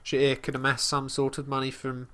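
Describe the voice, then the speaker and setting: A man casually commenting on his gameplay as host, talking about his character in third person with halting restarts and fillers. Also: mid-range voice, monotone, bright, forceful tone. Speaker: let's play host.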